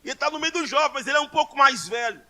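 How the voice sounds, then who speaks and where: A Brazilian man preaching a Pentecostal sermon, telling a story that builds into shouted proclamations and speaking in tongues. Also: very high-pitched, animated, very fast. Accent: Brazilian Portuguese. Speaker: pastor.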